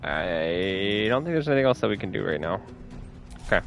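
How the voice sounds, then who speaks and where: A man's voice: sits low, very animated, brisk, gravelly, fairly bright tone, faint music behind. A man giving casual, upbeat commentary while playing a game, thinking aloud about each move. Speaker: gameplay streamer.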